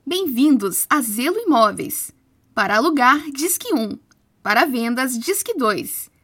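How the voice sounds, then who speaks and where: High-pitched Brazilian woman, phone menu announcer. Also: a bit bright, dry recording. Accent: Brazilian Portuguese. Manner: clear scripted diction, polite customer-service delivery. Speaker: voice-over announcer for phone greetings.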